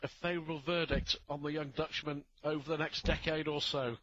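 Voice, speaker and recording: A man's voice: a little high, level tone, brisk, fairly bright tone, no room sound, dull audio. A man giving live darts commentary, offering opinionated analysis between throws.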